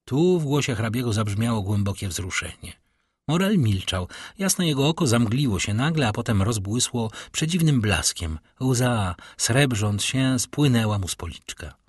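Male audiobook narrator, literary reading, husky low voice, dry sound. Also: expressive, moderate pace, no echo.

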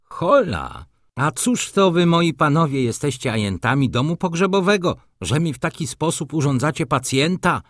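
A man's voice: on the high side, very animated, moderate pace, fairly bright tone, no room sound, studio quality, voice pushed up. A man voicing a brusque, sardonic middle-aged doctor in an audiobook, scolding and ironic.

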